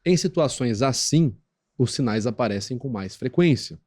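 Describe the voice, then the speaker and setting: This is a man with a Brazilian accent, talking as a guest expert on a podcast. His pitch sits squarely mid-range, and his delivery is teacherly and explanatory. He leans on little tag questions to keep the listener with him, and he slips into squeaky acted-out voices when quoting others. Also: lively intonation, moderate pace, a little mellow. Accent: Brazilian Portuguese. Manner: didactic, peppers talk with tag questions; acts out quoted voices in a high squeak. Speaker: guest expert on lie detection. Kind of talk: explanatory podcast interview talk.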